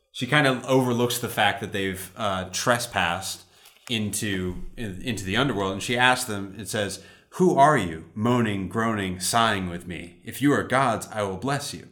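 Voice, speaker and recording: A man's voice: lowish voice, normal speed, sharp tone, echoey room. A man casually explaining ancient mythology in conversation, thoughtful and full of "like". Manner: thoughtful, adds context, frequent "like".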